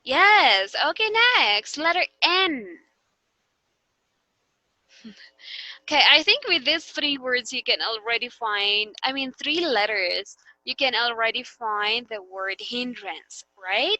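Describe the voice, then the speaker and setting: Bright high-voiced woman teaching slowly. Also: animated, no room sound, poor audio. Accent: Filipino English. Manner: patient, guiding questions with frequent okay and right. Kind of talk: classroom teaching demonstration.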